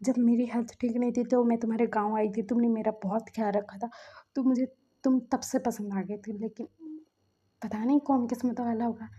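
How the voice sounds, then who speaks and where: A woman's voice: on the high side, steady tone, a little fast, mellow, husky. A woman reading as a scolding, fond mother. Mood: surprised. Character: middle-aged mother, scolding but fond. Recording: dull lo-fi recording.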